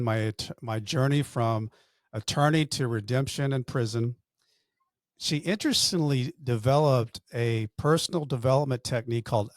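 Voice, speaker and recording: Recorded dry and at studio quality, a man with a mid-range voice hosts an interview podcast that carries a sponsor read. His conversational delivery is full of fillers and restarts.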